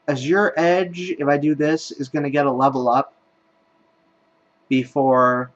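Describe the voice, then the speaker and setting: Here a man talks through his gameplay in a relaxed let's-play style, thinking out loud as he goes. He sounds a little high, and the recording has a lo-fi quality.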